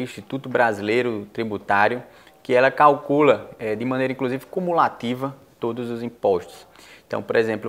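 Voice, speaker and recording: A man with a Brazilian accent explaining things as a guest in a studio interview. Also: mid-range voice. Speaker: guest, business association leader.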